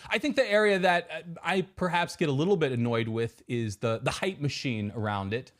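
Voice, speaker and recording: A man's voice: mid-range voice, brisk, a bit bright. A man in his forties, a technology executive guest on a podcast, talking casually with many repeated words and restarts. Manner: many repeated words and restarts, quotes hype voices mockingly. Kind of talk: casual interview answers.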